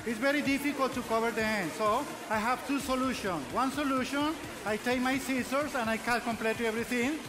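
A man's voice: very high-pitched, brisk, few pauses, noisy background. A man with a Venezuelan Spanish accent, whose first language is Spanish, demonstrating hairstyling live on a trade show stage in simple, repetitive English. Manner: simple broken English, repeats "very easy". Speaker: hair stylist demonstrator. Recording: loud background music over PA.

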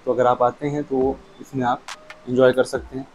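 A food vlogger in his thirties talks at a moderate pace in a mid-range voice, faint music playing behind and poor audio from his lapel mic. With a Lucknow Hindustani accent, he casually chats to the camera at a restaurant table, describing each dish while eating.

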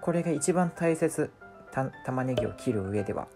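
Whiny, mellow-voiced man. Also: mid-range voice, expressive, moderate pace, soft background music. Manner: exasperated, whiny complaining. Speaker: vlogger. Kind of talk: casual voice-over commentary.

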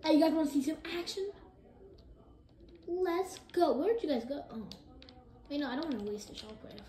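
A woman giving excitable live gameplay commentary, jumping between hyped shouts and low mumbles. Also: normal speed. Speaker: gaming video creator. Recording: roomy echo with faint noise.

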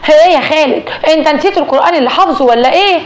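A woman's voice: high-pitched, rapid-fire, voice pushed up, lightly acted. A woman voicing an anxious, easily alarmed Egyptian housewife in a told story, speaking in an agitated, exclaiming way. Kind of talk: storytelling dialogue.

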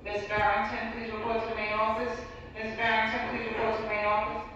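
A woman making a brisk public address announcement over a school intercom, repeating her call. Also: on the high side, completely flat delivery, slight background noise. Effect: over a school intercom loudspeaker. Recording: dull, hollow loudspeaker sound in a reverberant room.

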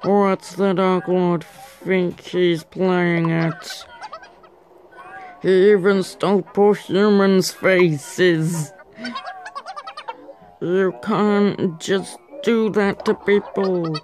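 A woman's voice: fairly low pitch, steady tone, extremely slow, pauses often, a little mellow, slight background noise. A woman voicing a rambling, indignant old townsman from a video game in a grumbling manner. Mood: indignant, shaken. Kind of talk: reading game dialogue in character.

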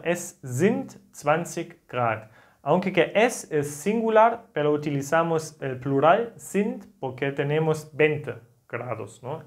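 A man with a German accent, German by first language, teaching a language lesson with slow explanations that often end in a tag question. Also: a little high.

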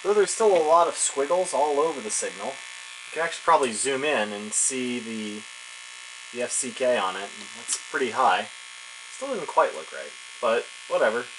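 Background noise accompanies a man's medium-pitched voice as he informally narrates an electronics demonstration. Working at a cluttered indoor bench, he muses to himself, thinking aloud through the hands-on task.

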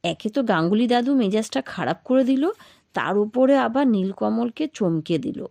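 A woman voicing a short-tempered young village man in a spoken ghost story, complaining loudly and irritably. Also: fairly high pitch, lively intonation, moderate pace, gravelly, dry recording, voice pushed up. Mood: irritated.

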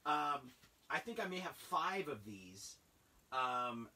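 A man in his thirties chatting casually and rambling with excitement as he unboxes old toys in a cluttered basement room. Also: mid-range voice, slow, far from the mic. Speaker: toy collector vlogger. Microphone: camera a few feet away.

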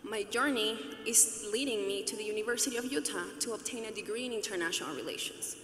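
A woman's voice: a little high, quick pace, a bit bright. A woman in her twenties from Venezuela, giving an earnest, conversational graduation speech with light humor at a podium microphone in a large arena. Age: 20s. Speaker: student commencement speaker. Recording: echoey arena with long reverb.

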